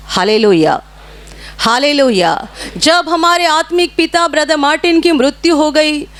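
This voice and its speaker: Woman preacher, high voice, earnest storytelling sermon. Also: fairly bright tone. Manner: earnest storytelling with repeated hallelujahs.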